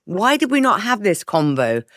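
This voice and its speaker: A woman co-hosting a casual advice podcast, chatty and quick to laugh, reading out listener letters. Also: mid-range voice, very animated. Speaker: podcast co-host.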